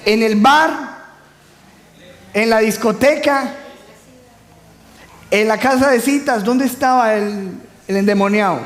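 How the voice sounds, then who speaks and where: A man preaches in a church hall, calling on the congregation to repeat after him. He speaks slowly in a high voice. The recording carries a long, echoing reverb. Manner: call-and-response preaching with humor. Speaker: pastor. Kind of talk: sermon.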